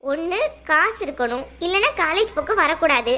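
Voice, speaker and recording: A woman acting out a spoiled young college girl in a cartoon. The voice sits very high and squeaky, yet drops a little lower as she scorns and mocks. She sounds cold and superior. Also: lively intonation, moderate pace, sharp tone, faint music behind. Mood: contemptuous. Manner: mocking, scornful. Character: sneering snobbish young woman college student.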